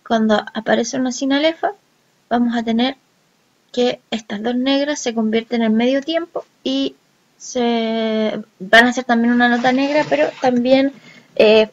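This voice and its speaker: A woman teaching a recorded lesson, speaking slowly and deliberately and drawing out example words. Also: a little high, lo-fi sound. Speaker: language teacher.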